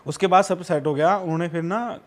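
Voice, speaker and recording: A man recounts a true ghost story in relaxed podcast chat, his voice sitting a little on the higher side. When he quotes someone he drops into a lower, quieter voice, then comes back up to tell what happened next. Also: a little fast. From Haryana. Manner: animated, acts out quoted lines in a lower quieter voice. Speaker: podcast guest. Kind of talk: casual storytelling.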